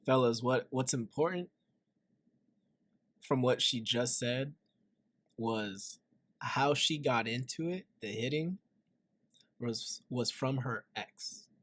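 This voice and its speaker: A man's voice: mid-range voice, slow pace, long pauses, fairly bright tone. A man hosting a reaction video, joking through casual commentary and leaning into confiding asides that end in "right?".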